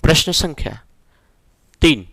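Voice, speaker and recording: A man's voice: a little high, lively intonation, unhurried, vocal fry, fairly bright tone, no room sound. A man teaching a Hindi grammar lesson for exam preparation, explaining step by step and checking that students follow. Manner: explains step by step, often asks "ठीक है ना?".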